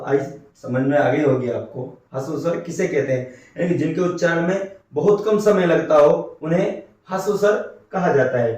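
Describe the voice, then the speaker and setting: A man's voice: a little high, a little mellow. A man teaching a grammar class, repeating key terms and asking his students rhetorical questions. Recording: very echoey room, mic set far off.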